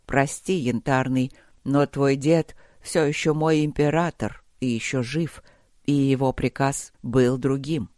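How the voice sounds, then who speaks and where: A loyal court mage speaks in a storybook battle, voiced by a man. He pitches his voice a bit lower, quiet, measured and formal. The sound is dry and close. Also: fairly even intonation, no room sound, close to an everyday voice. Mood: solemn. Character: loyal court mage, calm, solemn and sorrowful.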